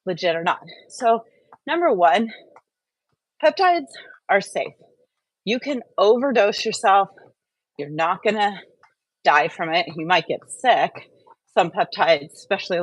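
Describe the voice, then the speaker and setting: Walking on her home treadmill and warming up from the exercise, a woman who hosts a wellness channel talks directly and candidly to her livestream audience through earbuds. Her voice is on the low side, captured with no echo in low-quality audio.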